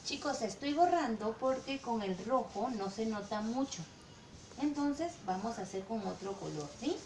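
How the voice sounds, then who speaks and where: A woman teaching an online lesson to small children, asking slow sing-song questions and stretching her vowels. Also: fairly high pitch, animated, a little mellow, echoey room, slight background noise. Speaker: preschool teacher.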